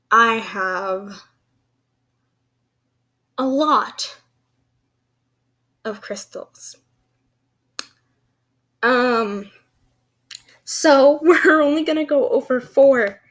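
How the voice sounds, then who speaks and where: A woman's voice: fairly high pitch, fairly bright tone. A young woman with a lisp that turns s slushy, like sh, chatting casually in a hesitant, giggly, self-deprecating way for a vlog. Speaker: vlogger. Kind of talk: casual rambling vlog chat.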